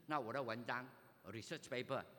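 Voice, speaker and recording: An older male pastor from Malaysia, telling his own story in a sermon, animated, with sudden loud rises. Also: medium pitch, moderate pace. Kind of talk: sermon, personal testimony. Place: church sanctuary. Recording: reverberant church hall.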